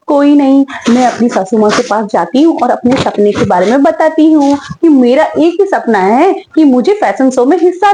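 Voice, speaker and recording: A woman's voice: high-pitched, a little mellow, slight background noise, poor audio. A young woman acting as a daughter-in-law in a scripted comedy skit, pleading sweetly and making playful asides to the camera. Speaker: skit creator and lead.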